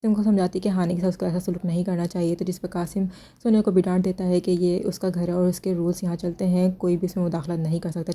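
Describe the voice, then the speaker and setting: A woman recaps a TV drama's episodes scene by scene and adds critical remarks along the way. Her voice is very dark and mellow and sits fairly low. She keeps her delivery flat and even throughout. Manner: steady retelling of scenes with critical asides. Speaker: drama reviewer.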